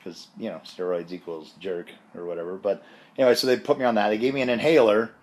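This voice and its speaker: A man with a fairly low voice talks while sick with bronchitis and a chesty cough. He sounds like a casual vlogger giving a personal update. His delivery rambles and is self-deprecating. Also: steady tone, fast.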